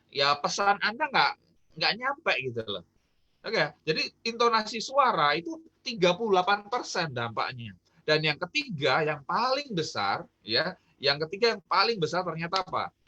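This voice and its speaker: A man's voice: high voice, sharp tone, dull audio. A man from Indonesia giving a casual online talk on communication, peppered with fillers and questions to his audience. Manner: chatty, peppered with "ya" and "gitu kan". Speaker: business trainer.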